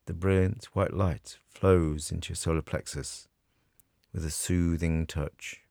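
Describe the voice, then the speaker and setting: A man guiding a scripted meditation in a soothing, measured way with long pauses. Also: low-pitched, fairly even intonation, creaky, a little mellow, no room sound, clean studio sound. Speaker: meditation guide. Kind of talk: guided meditation narration, scripted.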